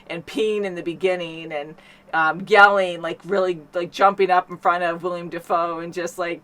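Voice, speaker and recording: A woman's voice: lowish voice, a bit bright. A woman hosting a movie reaction, chatting casually and rambling with many fillers. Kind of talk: casual chat.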